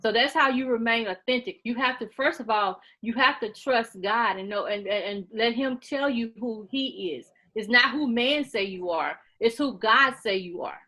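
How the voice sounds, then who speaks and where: A woman's voice: on the high side, normal speed, hardly any pauses, rough recording. A woman in her late forties, talking earnestly and a bit preachily as an interview guest, repeating herself as she makes her points. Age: 40s. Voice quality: loud by nature. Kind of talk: casual interview talk.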